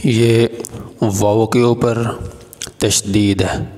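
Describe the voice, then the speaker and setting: A man teaching Quran reading step by step, naming letters and vowel marks and then slowly drawing out each syllable. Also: on the low side, level tone, a little mellow, big-room sound. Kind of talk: step-by-step recitation lesson.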